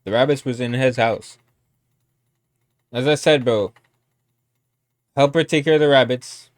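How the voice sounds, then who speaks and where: Man, streamer, casual reaction commentary, slangy, repetitive, medium pitch, dry close sound. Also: measured pace, no echo. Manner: slangy, repetitive, often saying bro.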